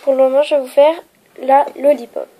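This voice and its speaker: A young woman with a stuffy nose from a cold, explaining a craft tutorial at home with many fillers and soft, trailing phrases. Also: high-pitched, level tone, brisk, poor audio. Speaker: polymer clay tutorial maker.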